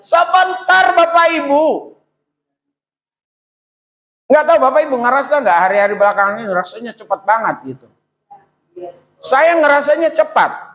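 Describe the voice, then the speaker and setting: High-voiced man preaching with sweeping pitch swings. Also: expressive, a little fast, rough recording. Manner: swings between high pleading exclamations and low quiet asides; addresses the congregation directly with rhetorical questions. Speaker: pastor. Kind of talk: sermon.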